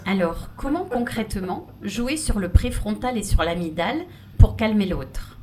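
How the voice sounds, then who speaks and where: A woman's voice: medium pitch, lively intonation, normal speed, background noise. A woman giving a humorous stage talk, playful and theatrical, with laughing asides. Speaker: conference speaker. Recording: echoey hall, mic from far off.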